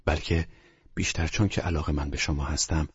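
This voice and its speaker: A man voicing an aging male doctor, earnest and gentle, who speaks softly and often drops to a hushed whisper in this storybook reading. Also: rumbling low, fairly even intonation, slightly rough, no echo, muffled recording, full character voice.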